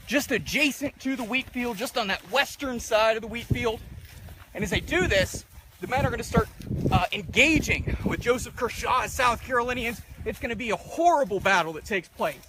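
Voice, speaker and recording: A man's voice: extremely high pitch, animated, normal speed, fairly bright tone, slight background noise, rough recording. A man outdoors telling the story of a soldier's fate in battle, narrating steadily with occasional fillers. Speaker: battlefield historian. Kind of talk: storytelling history talk. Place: outdoors in a field.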